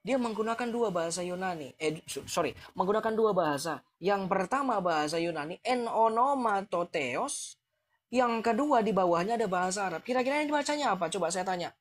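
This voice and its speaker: A man's voice: high-pitched, animated, fast, hardly any pauses. Man taunting viewers on a live stream. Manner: taunting, challenging with rhetorical questions; chuckles mockingly between points.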